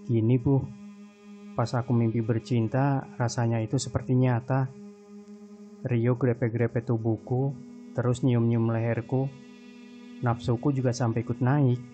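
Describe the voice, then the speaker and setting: Teasing young woman roommate, read by a man, mellow tone. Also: mid-range voice, little pitch movement, measured pace, pauses often, dull audio, faint music behind, natural voice. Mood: confiding. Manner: teasing, chatty. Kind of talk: storytelling character voice.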